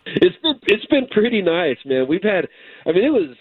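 A man working as a fishing guide, calling in to chat about fishing in a relaxed, folksy way. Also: high-pitched, moderate pace, slightly rough, no echo. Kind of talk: casual phone-in chat. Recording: tinny phone line.

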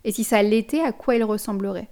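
A woman's voice: medium pitch, brisk, darkish tone. Female podcast host, thoughtful spiritual talk, personal and direct. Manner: reflective, addresses listener directly, frequent restarts.

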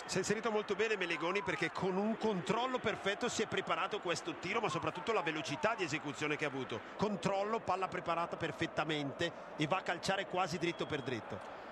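A man's voice: high voice, fast. A man giving analytical co-commentary on football, explaining how each move was played. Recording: loud noise behind commentary.

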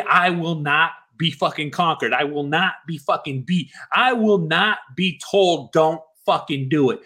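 A man with a notably high-set, husky voice delivers a motivational speech. He exhorts the listener forcefully and emphatically. His phrasing is repetitive and loaded with profanity. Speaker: motivational speaker.

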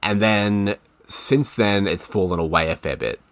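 A man's voice: on the low side, a little slow. A man co-hosting a podcast, chatting casually and explaining at length, laughing often. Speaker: podcast co-host. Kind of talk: casual chat.

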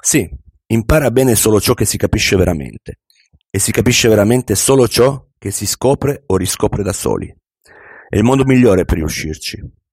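A wise, unhurried older millionaire , voiced by a man reading an audiobook speaks in measured, instructive tones. The voice sits low and dark with a slightly husky edge. The recording is dry and close. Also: lively intonation, no echo. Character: wise, calm older male millionaire mentor.

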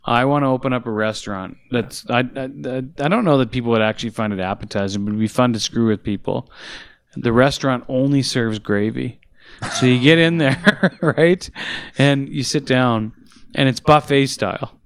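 Warm, smooth-voiced man chatting. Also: mid-range voice, moderate pace, dry recording. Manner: warm, laughs often. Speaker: podcast co-host. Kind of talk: casual chat.

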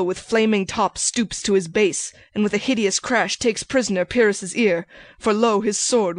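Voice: mid-range voice, no echo, lightly acted. A reader playing a grave traveling actor who recites verse declamatorily. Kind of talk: reading a stage play.

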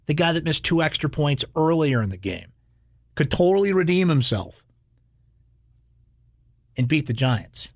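A man's voice: fairly high pitch, sing-song, a little slow, creaky, pauses often, dry recording, studio quality. A man hosting sports talk radio, speaking emphatically and playfully, repeating phrases for effect. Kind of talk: animated sports radio monologue.

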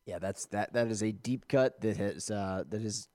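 A man co-hosting a podcast, relaxed and chatty in casual banter. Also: fairly low pitch, moderate pace, no room sound, clean studio sound. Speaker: podcast co-host. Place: lives in Winston-Salem area.

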